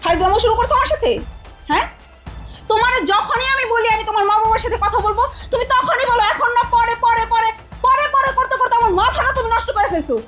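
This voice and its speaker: An actress playing a suspicious, hot-tempered young wife who demands and scolds in a TV family drama. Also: female voice, very high-pitched, fast, over music. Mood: furious. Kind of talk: Bangla TV drama acting.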